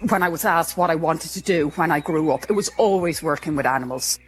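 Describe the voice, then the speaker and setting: Speaking fairly quickly in a deep voice over soft background music, a woman from Ireland who has a speech impediment recounts her personal story in an interview. She pokes fun at herself frankly and works carefully through hard words.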